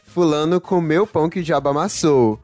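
A man's voice: on the high side, fairly quick, darkish tone, no echo. A man from Salvador with a Bahian accent, hosting a casual quiz game and laughing often. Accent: Bahian Portuguese. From Salvador, Bahia, Brazil. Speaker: quiz host.

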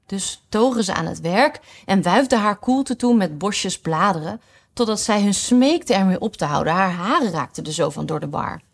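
A woman narrating a storybook aloud in an expressive, animated way. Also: medium pitch, normal speed, gravelly. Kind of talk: storybook reading.

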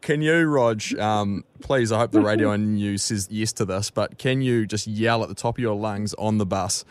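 A man's voice: on the low side, moderate pace, clear, resonant tone, no room sound. A man with a New Zealand accent hosting radio in casual, teasing banter. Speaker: radio host.

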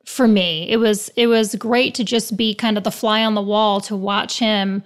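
A woman's voice: mid-range voice, steady tone, moderate pace, clear, resonant tone. Chatty woman with a New York accent. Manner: chatty, laughs easily at herself. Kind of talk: casual interview chat.

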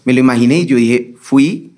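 A man's voice: medium pitch, normal speed, dark tone. A man with a Colombian accent, a podcast host telling stories in casual chat, laughing often and using slang. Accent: Colombian Spanish.

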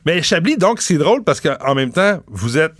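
A man's voice: a little high, big pitch swings, normal speed, a bit bright, dry recording, studio quality. A man in his fifties with a Québécois accent, hosting a casual wine podcast and rambling through stories with plenty of restarts. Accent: Québécois French. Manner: rambling, with many restarts and fillers. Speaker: podcast host.

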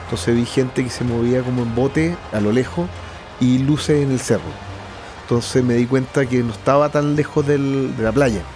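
Chilean guy telling his own story, stops and restarts a lot, regular pitch. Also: over music. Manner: halting, restarts mid-phrase. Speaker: interviewee. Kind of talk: personal testimony.

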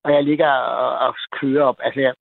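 A man's voice: medium pitch, level tone, creaky, no echo. A man calling a radio show to tell a personal story, agitated and rambling, with many restarts and fillers. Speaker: caller. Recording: tinny phone line.

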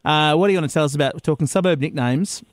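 A man's voice: a little high, rapid-fire, no echo. An Australian man hosting casual, joking talk radio and chatting with callers. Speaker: radio host. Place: dry radio studio.

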